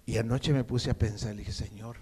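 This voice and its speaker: A man's voice: mid-range voice, fairly even intonation, brisk, a little mellow. Male pastor, mid-range voice, storytelling sermon delivery. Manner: storytelling preacher, calls listeners brother.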